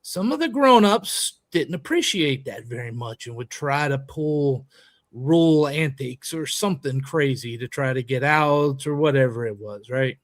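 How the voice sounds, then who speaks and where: A man co-hosting a podcast, telling a story in a lively, emphatic way and acting out a heated argument. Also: medium pitch, measured pace, no room sound. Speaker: podcast co-host and youth baseball coach. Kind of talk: animated storytelling in casual chat.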